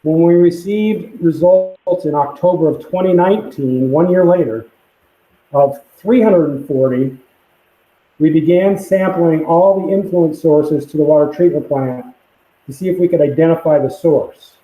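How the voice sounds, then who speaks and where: A man presents technical figures on a conference call in a plain, halting way. His voice comes through muffled, as if through a pipe, with a roomy echo around it. The tone is dark and a little high for a man. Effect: muffled, as if talking through a pipe. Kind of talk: technical briefing reading from a permit. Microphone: computer mic on a call. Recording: echoey, muffled call audio.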